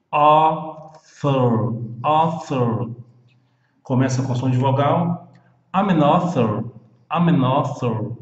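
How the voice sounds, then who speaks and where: Brazilian guy teaching english words, slow and patient, dull echoey room with long reverb. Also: mid-range voice, a little mellow. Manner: slow, repeats each word many times. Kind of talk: pronunciation lesson.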